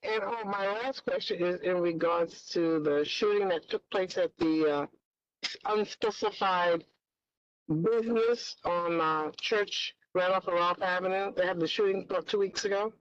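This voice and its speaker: Muffled woman calling into a meeting. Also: a little slow. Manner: persistent, presses for specifics. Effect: muffled remote audio with the bass only. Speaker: community member asking questions. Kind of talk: public meeting questions. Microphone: remote call-in line. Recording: muffled dull remote line.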